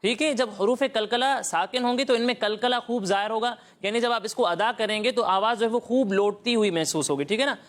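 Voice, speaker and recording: Children's Quran teacher, patient quizzing, slow demonstration of each sound, mid-pitched voice. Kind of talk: children's Quran recitation lesson.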